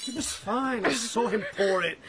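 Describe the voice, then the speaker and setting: A man's voice: sits high, moderate pace, crowd noise, lightly acted. An actor playing a blunt, suspicious man who watches the others closely in a mystery drama. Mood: wary. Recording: clearly noisy background.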